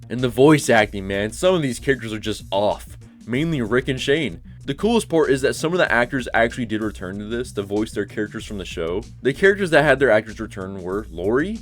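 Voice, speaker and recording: Brief: young man, mid-range voice, blunt, profane game-review commentary. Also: medium pitch. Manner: sarcastic, blunt, swears. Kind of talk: casual video game commentary.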